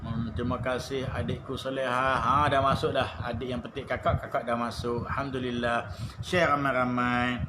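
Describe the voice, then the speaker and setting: A Malaysian Malay man giving a lively, jokey online evening religious lecture in a prayer room and reading out greetings from viewers. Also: mid-range voice, unhurried, reverberant, background noise. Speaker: religious teacher.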